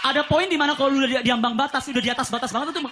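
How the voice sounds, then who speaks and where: A man's voice: very high voice, very fast. A man doing a stand-up comedy routine on a TV studio stage, telling stories and acting out quoted voices. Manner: animated storytelling, acts out quoted voices, laughs along. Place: TV studio stage with live audience. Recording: live studio audience and room noise.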